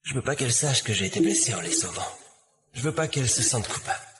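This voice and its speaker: An actor dubbing a wronged young male athlete in a drama, indignant and pleading, with a husky voice. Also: mid-range voice, animated, fast, fairly bright tone. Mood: bitter. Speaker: young rugby player Liam. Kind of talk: French-dubbed drama.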